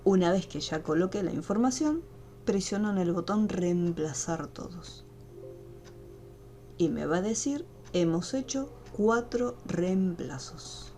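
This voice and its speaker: A woman's voice: fairly low pitch, lively intonation, slow pace, dark tone, faint music behind. A woman teaching an online class over a video call, explaining each step patiently. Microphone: computer mic on a video call.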